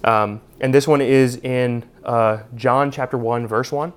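A man's voice: mid-range voice, fairly even intonation, measured pace, clean tone. A man teaching a Bible study class in a conversational way, with lots of "you know" and "uh". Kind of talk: unscripted teaching talk.

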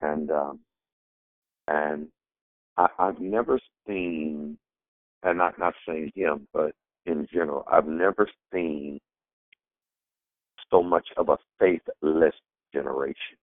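A man with a voice hoarse from a cold, speaking haltingly as a pastor giving an informal sermon over the phone. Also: very deep voice, fairly even intonation. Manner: halting, searching for words. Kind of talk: informal sermon on a prayer call. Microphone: telephone. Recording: tinny phone conference line, roomy echo.

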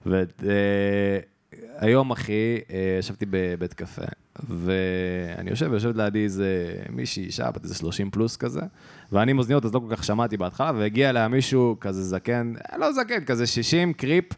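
A man's voice: lowish voice, gravelly. A young man co-hosts a casual podcast chat. He tells stories with energy and acts out the people he quotes. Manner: animated storyteller, acts out quotes. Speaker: podcast co-host.

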